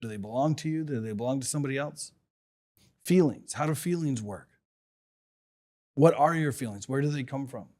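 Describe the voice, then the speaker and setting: A man's voice: mid-range voice, fairly quick, long pauses, a little mellow. Reflective male podcast host. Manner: reflective, asks rhetorical questions, talks from personal experience. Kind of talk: solo motivational podcast talk.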